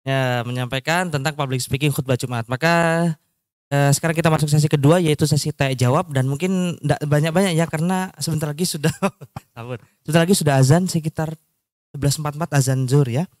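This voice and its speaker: Brisk male moderator. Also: a little high, darkish tone, no room sound, clean studio sound. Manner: brisk, friendly announcer. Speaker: session moderator.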